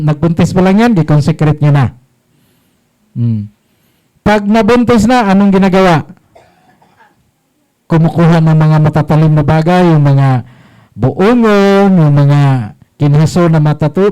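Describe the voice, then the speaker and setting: Slow priest quizzing his flock. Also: a little high, mellow, clean tone, low-quality recording. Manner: rhetorical questions, short call-and-response phrases. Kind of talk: catechism talk to a congregation.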